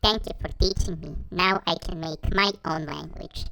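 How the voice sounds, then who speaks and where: A woman's voice: on the low side, fairly even intonation, normal speed, vocal fry, sharp tone, smooth, dry recording. A woman as an eager curious student. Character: curious young student learning from a teacher.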